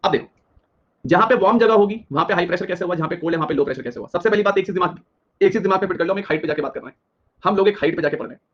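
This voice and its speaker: Fast-talking man teaching a live class. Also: high voice, highs cut off. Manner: drills questions, repeats answers rapidly, addresses students directly. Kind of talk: live online exam-prep geography lecture.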